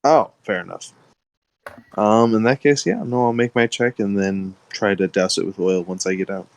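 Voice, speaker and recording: A man playing a tabletop game, excitable and often restarting his words. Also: fairly low pitch, moderate pace, vocal fry, no echo. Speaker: player. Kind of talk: casual tabletop game play.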